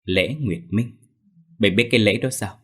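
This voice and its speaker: A man voicing a stern, weary old male exorcist master who talks in gruff, commanding village speech. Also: lowish voice, normal speed, fairly bright tone.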